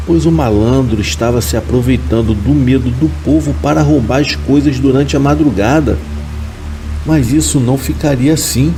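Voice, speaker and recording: A man reading a horror story aloud in a calm, measured scripted narration. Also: medium pitch, rough recording.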